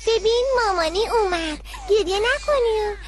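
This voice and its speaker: A woman's voice: very high voice, noisy background. A woman voicing a small girl who sweetly coaxes her crying baby brother in a dubbed television drama. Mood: coaxing. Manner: sweet and coaxing.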